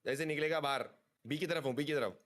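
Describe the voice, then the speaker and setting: A man streaming a team shooter, shouting quick callouts and teasing his friends in casual gaming chat. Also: fairly high pitch.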